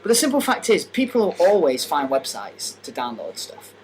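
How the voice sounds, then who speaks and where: A man's voice: on the high side, wildly swooping pitch, normal speed. A man co-hosting a casual podcast, rambling and laughing through his points with plenty of fillers. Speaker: podcast co-host. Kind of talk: casual chat. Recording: noisy amateur podcast recording.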